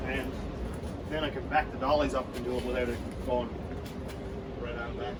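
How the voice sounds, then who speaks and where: A man vlogging about building his hot rod, talking in a relaxed, rambling way with fillers, recorded on a camera mic outdoors and in a garage. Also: medium pitch, moderate pace. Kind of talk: casual shop vlog. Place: outdoors in wind and in a garage shop. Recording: noisy outdoor wind and traffic.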